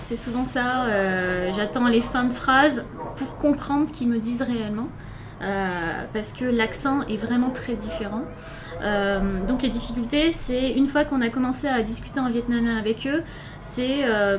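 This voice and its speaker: Speaking at normal speed with a slightly high voice, a young woman from France answers interview questions in a French accent, hesitant and casual, with many fillers. She's a volunteer interviewee, and a crowd can be heard behind her along with a noisy background hiss.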